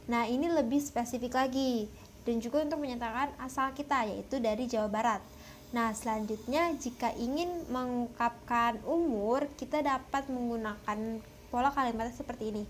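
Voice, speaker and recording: A young woman from West Java teaches a lesson in a fairly high voice. She explains step by step, often pausing with hesitant filler sounds. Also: slight background noise. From West Java, Indonesia. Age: young adult. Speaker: language teacher.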